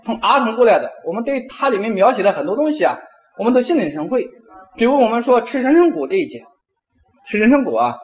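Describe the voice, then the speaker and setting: Lively high-voiced male lecturer. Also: highs cut off. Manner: animated storyteller, frequent drawn-out particles. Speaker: university professor. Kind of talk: lecture with storytelling.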